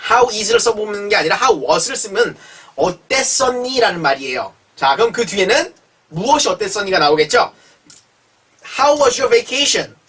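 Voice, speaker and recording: An English teacher giving a chatty language lesson, reading example sentences slowly and clearly before translating them, with frequent prompts to the learner. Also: mid-range voice, fairly bright tone. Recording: voice a little distant from the mic.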